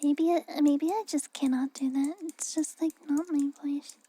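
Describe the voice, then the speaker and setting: Soft, high, cute anime-girl streamer woman. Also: fairly even intonation, unhurried, no echo. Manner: cute, gentle, often breaking toward a whisper. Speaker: livestreamer. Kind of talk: soft casual livestream chat.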